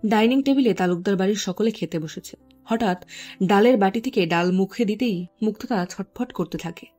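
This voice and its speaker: A woman narrates a scripted story at normal speed in a mid-range, slightly mellow voice, with faint music in the background.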